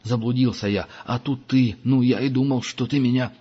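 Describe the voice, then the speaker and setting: A man doing a jittery young lad in an audiobook, clever and talkative, his speech quick and pleading. The recording sounds dull and lo-fi. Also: on the low side, husky, long reverb tail. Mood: frightened.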